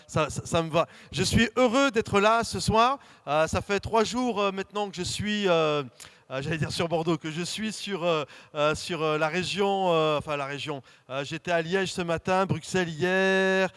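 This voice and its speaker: High-voiced French pastor with Saint-Étienne accent. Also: male voice, a bit bright. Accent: Saint-Étienne region French. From France. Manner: chatty, hesitant, many fillers and restarts. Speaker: guest pastor. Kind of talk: informal sermon introduction.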